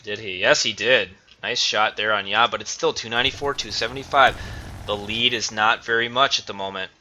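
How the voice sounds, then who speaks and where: A man casting a live esports match, excitable and getting loud on big plays. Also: fairly low pitch, fairly quick, slight background noise. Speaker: esports caster. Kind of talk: live play-by-play commentary.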